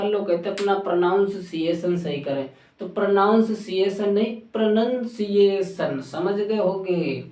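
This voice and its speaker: A woman's voice: mid-range voice, dark tone. A woman teacher giving a pronunciation lesson, repeating each word again and again to drill it. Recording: echoey room, voice far from mic.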